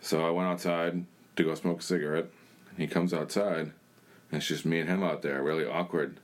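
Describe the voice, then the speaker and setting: A man's voice: deep voice, steady tone, a little fast. A young man giving a blunt, plain-spoken personal testimony in a conversation. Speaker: church member sharing his testimony.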